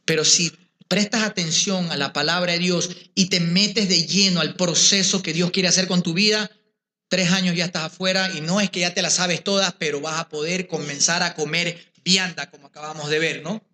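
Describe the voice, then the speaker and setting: High, bright-voiced man preaching a lecture. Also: fairly even intonation, moderate pace. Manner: rhetorical questions, addresses listeners directly. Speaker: conference speaker addressing pastors. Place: symposium venue. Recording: echoey room sound.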